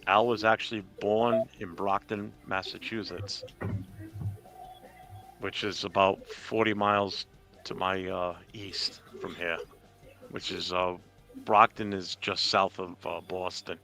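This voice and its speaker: Low gravelly-voiced man talking sports. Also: steady tone, slow, bright, forceful tone, faint music behind. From Rhode Island, US. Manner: profane, joking, rambling with fillers. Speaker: podcast host. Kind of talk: casual sports chat.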